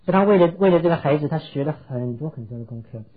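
A male preacher tells a sermon story at a quick clip, his voice somewhat high and husky. He speaks earnestly, leaning on his words and drawing out his sentence endings. The recording sounds dull and lo-fi. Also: animated.

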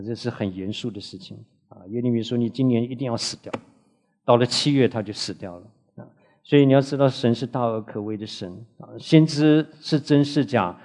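Man, Bible teacher, classroom lecture, earnest, asks the class questions, mid-pitched voice. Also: warm tone. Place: classroom with students.

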